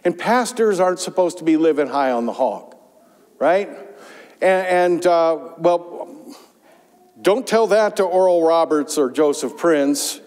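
An older man, a pastor, giving a conversational, animated sermon with rhetorical asides, on a lapel mic in a large church. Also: on the high side. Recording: church sanctuary reverb.

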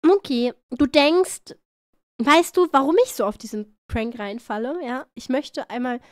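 A woman streamer reacting live to clips, excitable and playful, often shrieking, laughing and repeating words. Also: high voice, measured pace, dry recording, clean studio sound.

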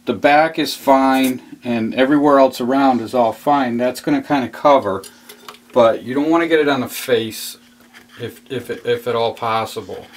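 Working at his model train layout in a hobby room, a man narrates a casual, step-by-step demonstration, going over points more than once. He speaks at medium pitch and normal speed, with slight background noise.

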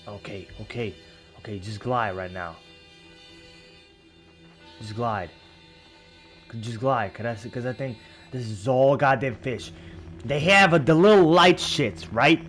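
A man hosting a let's play, excitable and swearing, with sudden shouts. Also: medium pitch, slow pace, long pauses, faint music behind. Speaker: gaming channel host.

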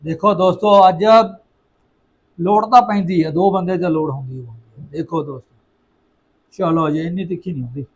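A man's voice: a little high, normal speed, pauses often, slight background noise, poor audio. A man with a Punjabi accent chatting casually to viewers as he cooks at home, playful and exclamatory, often repeating his phrases. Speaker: home cooking vlogger. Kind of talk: casual chat to viewers while cooking.

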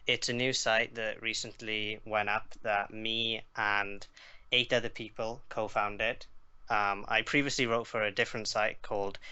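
A Welsh man talking casually on a gaming podcast, filling his sentences with ums and likes. His voice sits fairly low but sounds bright. The audio is dull and lo-fi, like a voice chat recording. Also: level tone, measured pace, smooth. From Wales. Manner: chatty, many ums and likes. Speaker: podcast guest, games writer.

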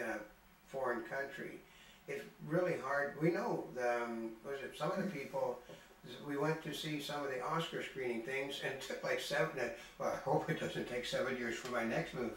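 An older man reporting on a film festival in casual chat, rambling and halting with many restarts. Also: medium pitch, slight background noise. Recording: echoey room from far off, faint ambience.

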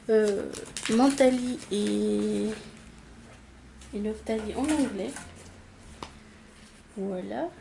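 A woman's voice: fairly high pitch, gravelly, mellow, a little hiss or hum. A woman YouTuber casually announcing giveaway winners, hesitant and full of fillers. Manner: slow, hesitant, many fillers. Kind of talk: casual vlog chat.

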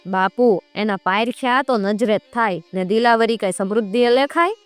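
Brief: woman narrator doing a flattering, emphatic bard, dry close sound, faint music. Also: on the high side, normal speed, clear, resonant tone, no echo, close to an everyday voice. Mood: pleading. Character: clever wandering bard, man, flattering and sly.

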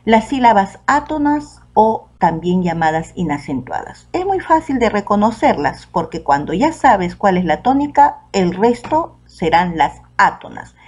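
A woman teacher with a Peruvian Spanish accent, giving a recorded online lesson to children and saying the example words out slowly and clearly. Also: medium pitch, sing-song, darkish tone. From Peru.

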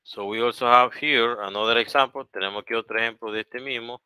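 A man's voice: medium pitch, steady tone, a little fast, sharp tone, clear, resonant tone, dry recording, low-quality recording. A man with a Panamanian Spanish accent teaching English grammar, mixing English and Spanish and checking often with "okay?" and "¿verdad?". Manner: speeds up for Spanish translations. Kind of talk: bilingual online grammar lesson.

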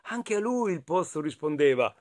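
An expressive man with an Italian accent reads a picture book to children. His voice sits high and moves constantly, rising and falling with the story. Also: normal speed. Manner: expressive, playful, talks to listeners.

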